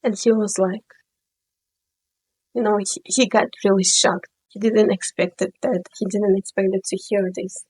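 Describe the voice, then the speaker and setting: A woman telling a personal story in a storytime vlog, in a chatty, unhurried way full of "you know" and "like". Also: medium pitch, fairly even intonation, darkish tone, husky, low-quality recording.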